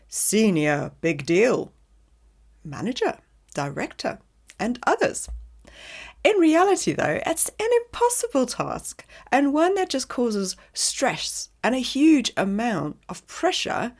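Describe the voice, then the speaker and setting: Slow, lively-pitched woman podcast host. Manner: lively, coaching, direct address to listener. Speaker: podcast host, brand strategist. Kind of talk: scripted solo podcast monologue.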